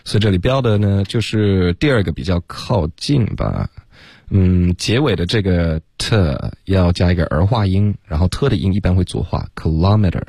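A man with a very low voice teaches English pronunciation on a radio lesson. He explains patiently, murmuring agreement and mixing English words into his Chinese, and the sound is close and dry. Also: expressive, normal speed, darkish tone, husky, dry recording. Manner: frequent back-channel murmurs. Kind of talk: casual radio lesson chat.

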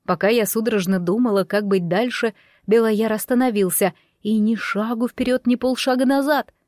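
A woman's voice: a little high, normal speed, a little mellow, no room sound, clean studio sound. A woman narrating a fairy tale audiobook in first person, reading expressively and giving the characters their own voices.

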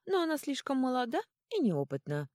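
A fussy little cat-god spirit, as a woman acts him out, shrill and indignant, his pitch leaping up when he argues. The reading is close and dry, for a fantasy storybook. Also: huge pitch swings, a little fast, a little mellow, no echo. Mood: explaining.

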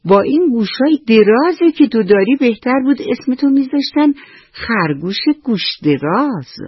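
A woman's voice: fairly high pitch, sing-song, slightly rough, no room sound, dull audio, voice pushed up. A woman voicing a cheeky little mocking frog. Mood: teasing. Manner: laughs at others, teasing.

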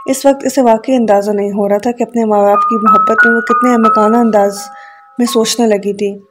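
A woman reading a novel aloud as an audiobook narrator, with calm, even storytelling and faint music behind. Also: on the high side.

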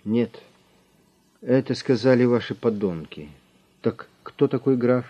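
A man voicing a calm, grim male detective who speaks in a measured, menacing way, on a slightly muffled recording. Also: mid-range voice, voice pushed up, natural voice.

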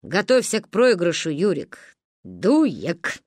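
A woman voicing a boastful, teasing middle-aged man, pitched lower. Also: big pitch swings, moderate pace, no room sound, studio quality.

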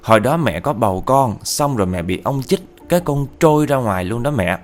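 A man's voice: medium pitch, lively intonation, brisk, voice pushed up, natural voice. A man voicing the ghost of a lost son who pleads tenderly. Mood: pleading.

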